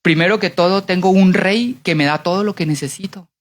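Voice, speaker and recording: A woman's voice: on the low side, fairly quick, lightly acted. A woman voicing a cheerful, grateful male servant who speaks eagerly in a sermon story.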